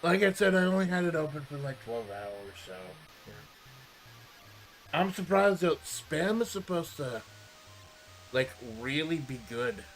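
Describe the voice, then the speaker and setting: A man's voice: on the high side, expressive, moderate pace, faint music behind, low-quality recording. A man chatting casually on a live stream, laid-back and swearing freely, sometimes mumbling. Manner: mumbles at times.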